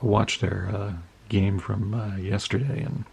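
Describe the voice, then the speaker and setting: A middle-aged American man with a cold and a hoarse, raspy voice, chatting in a rambling, friendly way while opening card packages for his channel. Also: on the low side, little pitch movement, unhurried, a little mellow. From United States. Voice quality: raspy, gravelly. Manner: rambling, friendly, many uh fillers. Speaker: card collecting vlogger. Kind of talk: casual chat while opening mail.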